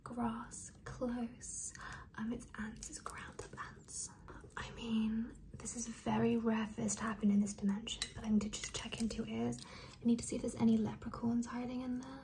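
A young woman in a fast whispered ASMR role-play, playing a businesslike kidnapper from another dimension examining a human captive, close to the microphone. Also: on the high side, level tone, mellow, a little hiss or hum, natural voice. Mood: matter-of-fact. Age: young adult. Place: small bedroom, indoors.

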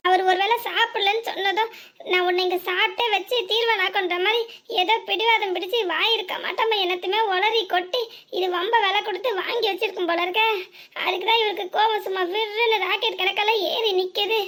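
A woman's voice: extremely high pitch, steady tone, fairly quick, fairly bright tone. A woman voicing a nervous young village daughter-in-law with a southern Tamil Nadu accent, muttering worried asides to herself.

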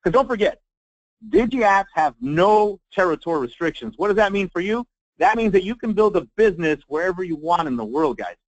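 An American man leading a live online sales training as a marketing trainer, with an emphatic, folksy pitch addressed straight to his listeners. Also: expressive, a little fast, no echo. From Texas, United States. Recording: dull lo-fi web conference audio.

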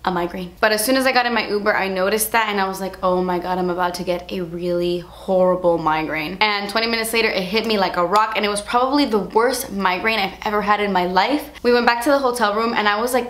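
A woman's voice: mid-range voice, fairly bright tone. A young woman vlogging in casual, emotional chat, saying "like" a lot. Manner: chatty and emotional, heavy use of "like". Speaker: beauty vlogger. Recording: roomy echo.

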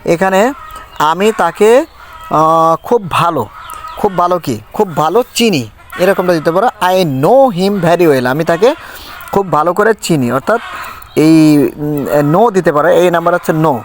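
A man's voice: on the high side, a little hiss or hum. Patient man teaching a textbook lesson. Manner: slow, patient explaining, reads English lines slowly and translates them. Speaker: English teacher. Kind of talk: textbook lesson explained in Bengali.

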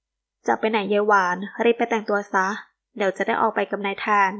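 Woman narrator voicing a scheming, fretful older father in a storybook, firm and commanding, pitched at her usual middle range. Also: flat delivery, normal speed, fairly bright tone, lightly acted. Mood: scheming fatherly. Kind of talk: audiobook character reading.

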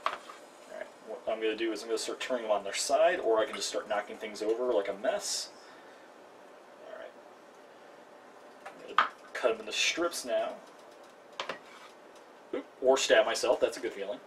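Hosting a casual live cooking demo in his home kitchen, a young man chats, jokes at his own expense, and drops jokey asides. His lowish voice has a fairly bright tone, a moderate pace, and frequent pauses. A distant mic catches plenty of kitchen noise.

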